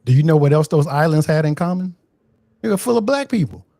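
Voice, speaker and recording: A man's voice: fairly high pitch, lively intonation, brisk, creaky, dark tone, no echo. A man in his forties co-hosting a podcast, teasing with wry humor and leading the topics. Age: 40s. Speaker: podcast co-host. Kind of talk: casual chat.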